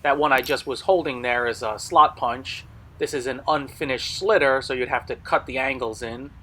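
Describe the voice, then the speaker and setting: A man's voice: mid-range voice, normal speed, sharp tone. A man narrating a product showcase as a video host, explaining details in a matter-of-fact way. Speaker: blacksmith video host selling tools.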